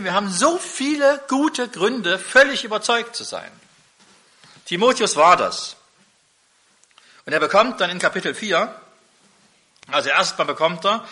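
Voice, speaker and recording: A man's voice: on the high side, pushed and bright. A middle-aged man preaching a sermon, emphatic, with repeated rhetorical questions.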